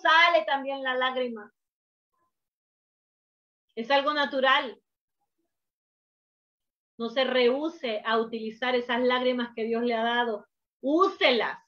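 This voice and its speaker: A woman preacher delivering a sermon, emphatic, swinging from hushed to loud, on a dull lo-fi recording. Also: fairly high pitch.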